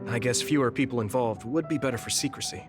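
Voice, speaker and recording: A man's voice: medium pitch, quick pace, natural voice. A man voicing an earnest, loyal young male soldier who speaks sincerely and reassuringly. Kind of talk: game cutscene dialogue. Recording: game audio with music behind.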